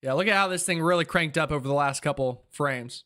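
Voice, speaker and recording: A man with a fairly high, very bright and forceful voice gives live storm coverage. He sounds urgent and excitable, thinking aloud in an informal way as the host of a weather stream. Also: brisk.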